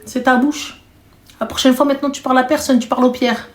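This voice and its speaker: A woman's voice: high-pitched, level tone, fast, reverberant. A woman in her thirties hosting a live stream and taking callers, talking in a casual, teasing and joking way. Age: 30s.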